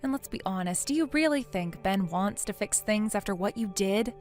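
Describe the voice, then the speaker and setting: A woman's voice: medium pitch, lively intonation, moderate pace, a little mellow, faint music behind, lightly acted. A synthetic female voice playing a blunt friend who lectures in a stern tone. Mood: indignant.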